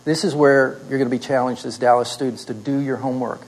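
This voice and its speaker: A man's voice: mid-range voice, steady tone, fast talker, low-quality recording. A man teaching a class, leading students through a story step by step by asking questions and answering them himself. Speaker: instructor.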